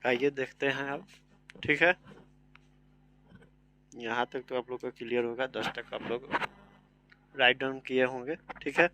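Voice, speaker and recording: A man's voice: mid-range voice, steady tone, unhurried, long pauses, sharp tone, a little hiss or hum. A man teaching a vocabulary lesson. He spells each word out letter by letter and keeps asking if his students follow. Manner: spells words letter by letter, often asks "samajh rahe na".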